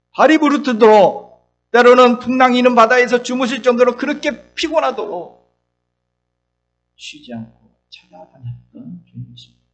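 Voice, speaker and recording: A middle-aged man preaching an earnest sermon as pastor, swinging between loud urgent lines and soft low asides. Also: rough recording. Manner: acts out tender and scolding voices when quoting.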